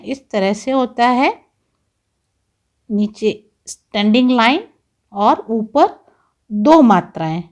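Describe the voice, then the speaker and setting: A woman teacher giving a slow, patient lesson to young children, pronouncing each sound and word carefully. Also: a little high.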